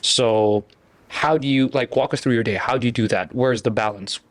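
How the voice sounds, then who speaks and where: A man hosting a casual podcast, upbeat and a little halting with fillers as he asks questions. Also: mid-range voice, no room sound. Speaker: podcast host.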